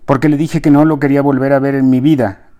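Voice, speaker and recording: Drunk older woman, slurred Spanish, higher than the reader's own voice, put on by a male narrator. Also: flat delivery, quick pace, dark tone, dull audio, lightly acted. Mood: annoyed. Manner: slurred, tongue-tied drunken speech. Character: tipsy older woman, a famous playwright, proud.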